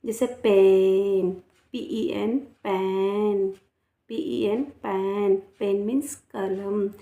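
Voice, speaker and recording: A woman's voice: medium pitch, flat delivery, warm tone, roomy sound. A woman teacher with a Rajasthan Hindi accent, giving a children's phonics lesson. She spells each word out letter by letter, repeats it, and coaxes her pupils along. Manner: slow, spells words letter by letter and repeats them; coaxing, often adds 'है ना' and 'बेटा'.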